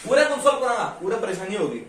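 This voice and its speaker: A man's voice: high-pitched, big pitch swings, very fast, fairly bright tone. A middle-aged man teaching a maths lesson in with a tinge, patient and always checking that students follow, slipping into rural dialect endings. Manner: patient, checks understanding constantly with "ठीक है?". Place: classroom. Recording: echoey room, mic far off, faint hiss.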